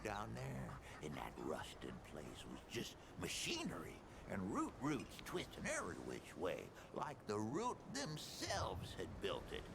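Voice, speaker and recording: A man playing a boastful, forgetful old storyteller in a video game, with a gravelly grandpa voice and folksy, rambling delivery. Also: fairly low pitch, huge pitch swings, a little slow, few pauses, noisy background, full character voice. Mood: secretive, boastful. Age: older. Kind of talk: video game character dialogue, tall-tale storytelling.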